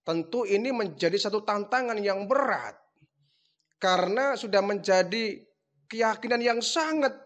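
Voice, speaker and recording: High-voiced man preaching through a story. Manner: lively, dramatic storytelling with acted dialogue. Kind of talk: storytelling sermon.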